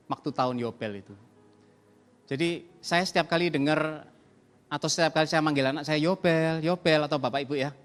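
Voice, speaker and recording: A man's voice: on the high side, fairly bright tone. A man preaching a sermon to his congregation, speaking animatedly and addressing the listeners directly. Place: large church hall. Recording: long church reverb.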